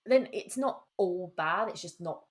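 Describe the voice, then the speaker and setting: A woman's voice: on the low side, expressive, a little slow. A young adult woman co-hosting a podcast in casual chat, talking in a chatty way and laughing easily. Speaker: podcast co-host.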